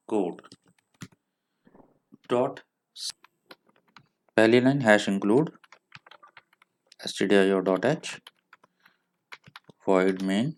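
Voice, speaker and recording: A man with an Indian accent teaching programming step by step in a screen-recorded coding tutorial. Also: lowish voice. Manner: patient step-by-step explaining, mixes English terms.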